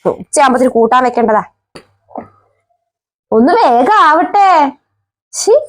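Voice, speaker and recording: A woman plays a bossy middle-aged mother-in-law in a home family skit, speaking. Her voice sits high and sharp as she nags and hurls insults without letup. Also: very animated, a little slow. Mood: scolding. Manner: nagging, shrill, scolds and insults.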